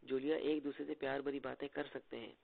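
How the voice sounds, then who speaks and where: A man's voice: mid-range voice, flat delivery, a little fast, vocal fry. A man voicing a playful, joking young male secret agent who teases his companions, heard through tinny phone-like audio. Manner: playful, bantering.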